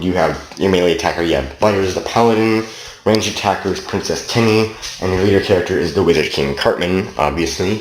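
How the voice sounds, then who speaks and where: A deep-voiced man from Canada talks through a video game in a casual, wandering way, swearing freely as he recaps. His voice bounces around a roomy space, with a faint hiss of noise underneath. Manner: profane, loose and meandering. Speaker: game reviewer. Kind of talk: casual rambling game review.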